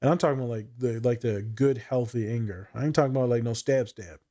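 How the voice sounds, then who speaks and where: A man's voice: medium pitch, fast, mellow. A man co-hosting a podcast as a therapist, telling stories casually in candid, slangy, joking talk with plenty of swearing. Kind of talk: casual podcast chat, storytelling.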